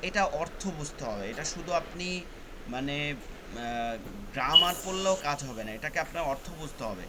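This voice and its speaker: A man's voice: a little high, lively intonation, normal speed, very noisy. A male Quran teacher, patiently explaining rules step by step in an online class. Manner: patient, repeats points step by step.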